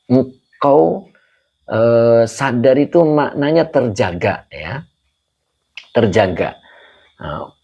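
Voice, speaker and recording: A man's voice: mid-range voice, creaky, a little mellow, dull audio. A man giving a live-streamed religious lesson, patiently explaining Arabic grammar and reading out viewer comments as he quizzes them. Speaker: Islamic teacher.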